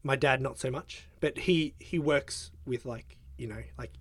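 A man's voice: medium pitch, a little slow, no echo. Hesitant young man, dry sound. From Australia. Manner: hesitant, filler-heavy, soft-spoken. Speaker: guest. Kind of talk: casual interview chat.

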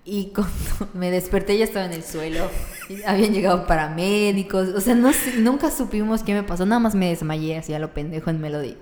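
Hoarse young Mexican woman, roomy echo. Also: medium pitch, brisk, a little mellow, slight background noise. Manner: casual, slangy. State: losing her voice. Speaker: podcast co-host. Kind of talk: casual chat.

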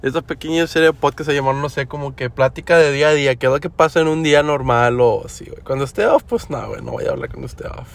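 A man's voice: medium pitch, fast, creaky, few pauses. A young man with a Mexican accent talking casually for his podcast, rambling with lots of slang and fillers. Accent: Mexican Spanish. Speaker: podcast host. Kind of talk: casual everyday monologue. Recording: faint background noise.

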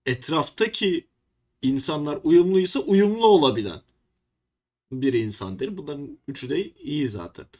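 A man's voice: on the high side, lively intonation, moderate pace, a little mellow. A young man co-hosting a casual chat, making laid-back, teasing replies. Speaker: podcast co-host.

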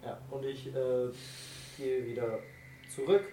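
A man's voice: medium pitch, steady tone, takes it slowly, dark tone. A young man playing in a tabletop role-play, improvising in character and stammering over repeated words. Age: young adult. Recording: echoey room, distant mic, noisy.

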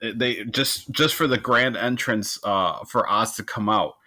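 Bright-voiced man telling a rambling story. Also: lowish voice, a little slow. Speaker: podcast co-host. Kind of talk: casual podcast storytelling.

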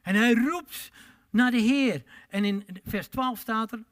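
A man preaches with passion. He swings from loud, emphatic calls to hushed, low asides, and he draws out his words slowly when he quotes scripture. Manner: drawn-out pleading delivery when quoting scripture. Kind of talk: sermon.

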